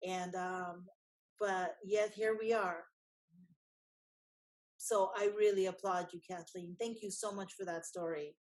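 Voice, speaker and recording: A woman's voice: on the low side, fairly even intonation, measured pace, pauses often, a little mellow. A woman instructor commenting in class, musing and rambling with restarts. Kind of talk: class discussion.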